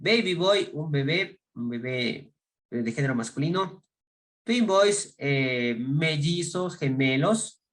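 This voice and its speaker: Male teacher with an Ecuadorian accent, higher voice, unhurried classroom delivery, names words and translates them. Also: animated, a bit bright. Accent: Ecuadorian Spanish. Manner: slow, explaining in Spanish and modeling English words. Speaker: English teacher. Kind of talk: recorded online class.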